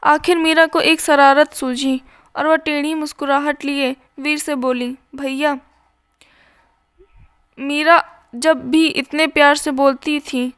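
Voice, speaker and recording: Slow, high-voiced woman storyteller. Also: fairly bright tone. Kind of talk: scripted story narration.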